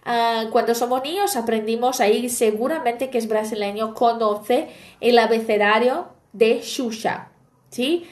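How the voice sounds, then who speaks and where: High-voiced woman teaching casually. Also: unhurried. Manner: chatty, explaining with anecdotes and frequent "¿bien?". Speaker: language teacher. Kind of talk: online language lesson.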